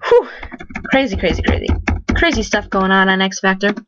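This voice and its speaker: A woman's voice: medium pitch, lively intonation, a little fast, lo-fi sound, over music. A woman giving a casual, opinionated spoken review, blunt and chatty, with lots of fillers and restarts. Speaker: vlogger reviewing a TV talent show.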